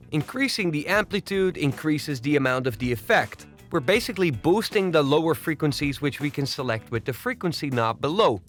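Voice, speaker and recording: This software walkthrough features a man demonstrating an audio plugin from his home studio. His pitch sits fairly high, and he goes over every control one at a time, calm and methodical.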